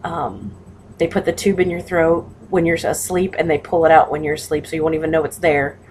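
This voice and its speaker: Low-voiced woman vlogging, noisy recording. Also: steady tone, a little fast, darkish tone. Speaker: patient sharing surgery recovery advice. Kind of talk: casual personal vlog talk.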